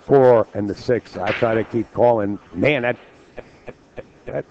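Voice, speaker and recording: A man's voice: on the low side, a little slow, darkish tone. A man doing play-by-play commentary on a pool match, calling the score and bantering with jokes. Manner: joking, calls the score and banters. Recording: dull lo-fi stream audio with faint noise.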